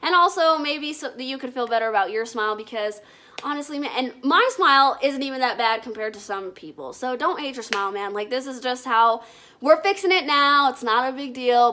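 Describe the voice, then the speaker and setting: A woman's voice: on the high side, brisk, sharp tone, slight background noise. A woman vlogger chatting casually to viewers, explaining and demonstrating things as she goes.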